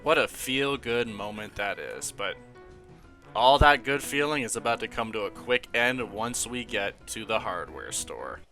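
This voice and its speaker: A man's voice: on the low side, expressive, unhurried, bright, forceful tone, soft background music. A young man casually commentating a game, laid-back and slangy, laughing now and then. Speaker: gaming channel host.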